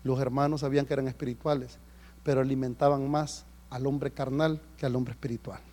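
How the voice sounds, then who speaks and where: A man preaching a sermon as pastor, telling stories with sudden swings from hushed to loud. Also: medium pitch, fairly quick. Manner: animated storytelling, swinging between hushed and loud. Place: church service.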